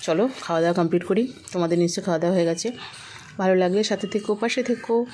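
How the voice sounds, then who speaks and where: A woman speaks softly to her viewers as she eats by a sunny window, savoring each bite aloud. Her voice sits a little low. A faint hiss runs under it. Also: racing. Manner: soft-spoken, hushed. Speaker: food vlogger. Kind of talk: casual vlog chat while eating.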